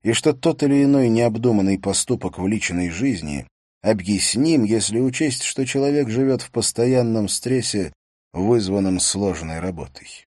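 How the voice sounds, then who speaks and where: Man reading a thriller audiobook, steady and even, dry close sound. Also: on the low side, normal speed, dry recording. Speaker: audiobook narrator. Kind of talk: scripted audiobook narration.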